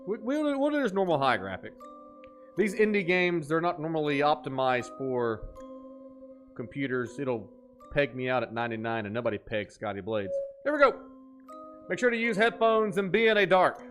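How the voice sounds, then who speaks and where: With soft game music faintly in the background, a high-pitched man in his thirties streams games live, loud and jokey, greeting chat by name. Now and then he dips into a deep mock-spooky voice, otherwise speaking sing-song at a moderate pace.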